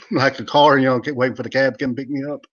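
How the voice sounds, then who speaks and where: A man's voice: mid-range voice, a bit bright. Rambling, laughing man on a lo-fi call. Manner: rambling storyteller, laughs a lot. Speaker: former pro wrestler and manager, guest. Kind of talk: casual joking chat on a live stream. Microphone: video call.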